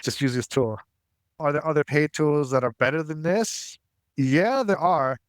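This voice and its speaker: A man's voice: a little high, a little slow, dry recording. Man hosting a casual tutorial, dry close sound. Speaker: tutorial host. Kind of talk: casual scripted tutorial narration.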